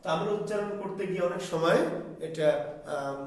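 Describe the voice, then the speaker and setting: A man's voice: high voice, a little fast. A man teaching a grammar lesson who asks questions and answers them himself, checking in with the class often. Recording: very echoey room, distant mic, faint hiss.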